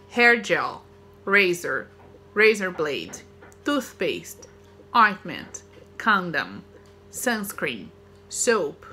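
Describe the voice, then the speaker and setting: In a recorded online lesson, a woman with a Brazilian Portuguese accent teaches English vocabulary and pronunciation. Her voice is lowish, bright, forceful and slightly rough. She drills words slowly and carefully one at a time, repeating examples.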